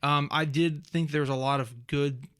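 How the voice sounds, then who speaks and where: A man's voice: a little high, steady tone, moderate pace, fairly bright tone, dry recording, clean studio sound. A man co-hosting a podcast in casual chat, rambling with many fillers and restarts. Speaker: podcast co-host.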